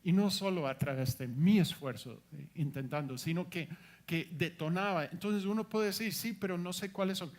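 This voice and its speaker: High-voiced man preaching a testimony sermon. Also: moderate pace. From United States. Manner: storytelling, acts out quoted dialogue, emphatic repetitions.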